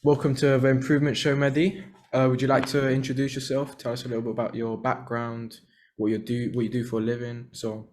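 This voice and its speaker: Flat-voiced male interview host. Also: medium pitch, fast. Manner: brief encouraging interjections. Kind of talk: interview hosting.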